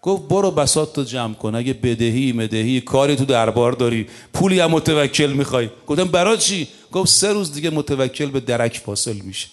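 A man preaching a sermon, telling religious stories in quick colloquial Persian and slowing down to recite Arabic verses. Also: medium pitch, animated.

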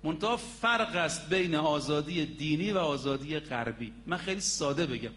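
A male preacher with a high-pitched voice delivers a sermon. He tells stories with strong emphasis and stretches out key words for effect. He speaks directly to the people listening. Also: lively intonation, fairly bright tone. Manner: storytelling, addresses the audience directly.

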